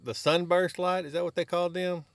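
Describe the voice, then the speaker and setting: A man's voice: high voice, flat delivery, brisk, dry recording. A man chatting easily and laughing along on a hunting podcast. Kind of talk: casual chat.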